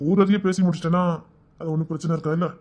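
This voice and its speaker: A man telling an audio story on his own, speaking in a gentle, intimate and reassuring way. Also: fairly high pitch, little pitch movement, racing. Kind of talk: one-man audio story, performing all the parts.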